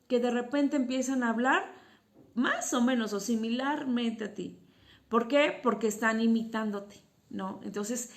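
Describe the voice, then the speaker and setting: A woman psychotherapist and teacher, explaining to parents in a casual teaching talk and often asking herself rhetorical questions. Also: a little high. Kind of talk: informal educational talk to parents.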